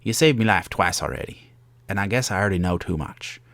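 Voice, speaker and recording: A man voicing a gruff, proud and stubborn pirate captain from a video game, with piratical turns of phrase. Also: sits low, expressive, fairly quick, fairly bright tone, no room sound. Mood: resolute. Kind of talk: video game dialogue read-aloud.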